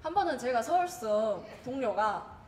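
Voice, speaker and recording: Bright young woman with Jeolla accent. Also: on the high side, normal speed, a little hiss or hum. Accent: Jeolla dialect. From Gwangju, Korea. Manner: lively, chatty, acts out quotes. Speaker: dialect contest speaker. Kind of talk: comic storytelling speech. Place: large echoey hall. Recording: echoey hall recording.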